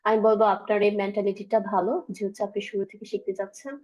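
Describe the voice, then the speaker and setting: A woman's voice: mid-range voice, level tone, fast, darkish tone, rough recording. A woman with a Bangladeshi Bengali accent, teaching a beginner Chinese class over a video call and checking often that her student follows. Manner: explains patiently with frequent check-ins. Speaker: language teacher.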